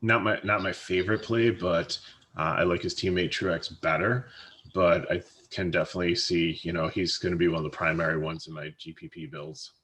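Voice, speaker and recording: A deep-voiced man chats casually on a fantasy sports podcast. He hesitates often, repeating words and trailing off as he weighs his picks. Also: fairly even intonation, normal speed, fairly bright tone, slight background noise. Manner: hesitant, many restarts and fillers. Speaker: co-host, fantasy sports analyst.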